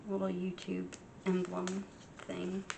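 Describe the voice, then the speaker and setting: A young adult woman chatting casually while setting up her journal, soft and unhurried, with frequent ums. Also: on the low side, completely flat delivery, gravelly, heavy background noise. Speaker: journaling vlogger. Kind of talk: casual chat while crafting.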